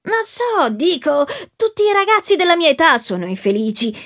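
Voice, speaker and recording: A woman's voice: sits high, sing-song, moderate pace, a bit bright, pitched above the performer's own voice, exaggerated voice. A woman reading the part of a brooding young man who wants to be an actor, in a sulky, bitter voice. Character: brooding young male would-be actor, resentful. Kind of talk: audiobook reading.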